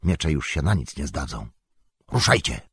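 A man's voice: very deep voice, very animated, moderate pace, creaky, a bit bright, slightly rough, no room sound, clean studio sound, pitched below the performer's own voice, full character voice. A man reading the part of an old male wizard, giving urgent, clipped orders. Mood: stern.

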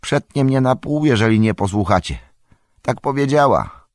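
A man's voice: medium pitch, expressive, normal speed, a little mellow, no echo, studio quality, voice pushed up, natural voice. A man voicing a trapped young male hobbit, frantic and pleading, in a storybook reading. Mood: desperate.

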